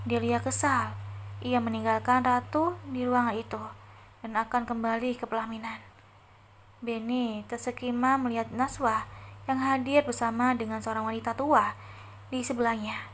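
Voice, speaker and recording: A woman reading an audio novel aloud in a steady storytelling manner. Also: fairly high pitch, moderate pace, slight background noise. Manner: steady storytelling, first-person voice.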